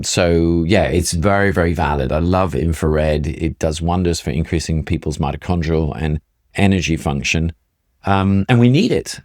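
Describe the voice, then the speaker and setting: Here a guest functional medicine doctor, middle-aged or older, speaks in a low, gently mellow voice, recorded in a clean studio with no room sound. His explanations are conversational but emphatic, and he repeats key points to stress them.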